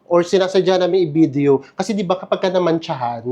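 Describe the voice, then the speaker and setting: A man's voice: sits high, quick pace, dark tone, lo-fi sound. A man giving a casual, chatty tour of a hotel room, laughing often and making playful asides. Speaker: travel vlogger.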